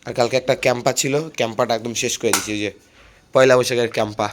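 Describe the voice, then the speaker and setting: A young man chatting to viewers while filming a casual phone vlog at home and on local roads, slightly hoarse. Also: mid-range voice, fairly even intonation, rapid-fire, background noise. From India. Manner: chatty, addresses viewers as "guys". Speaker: vlogger.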